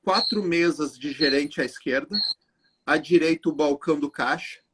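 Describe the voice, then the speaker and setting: A man, a guest telling an animated story straight to the viewers of a live chat. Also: on the high side, moderate pace, slightly rough. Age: 40s. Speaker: guest entrepreneur.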